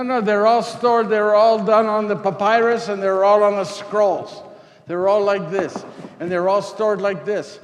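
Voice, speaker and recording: Male actor as Saint Luke: earnest, rambling physician, higher voice, echoey hall. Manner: rambling, repeats phrases, answers questions in character. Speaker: costumed presenter. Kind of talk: first-person character talk with audience. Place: parish hall before an audience. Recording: echoey hall, faint noise.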